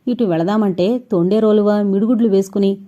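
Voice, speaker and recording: Dark-voiced woman narrating a suspense novel. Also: mid-range voice, brisk. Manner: steady storytelling, building suspense. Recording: dull lo-fi recording.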